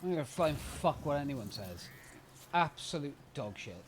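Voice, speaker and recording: A man's voice: on the high side, expressive, moderate pace, slight background noise. A British man streaming a video game, ranting in an exasperated, profane way. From United Kingdom. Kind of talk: casual live-stream commentary.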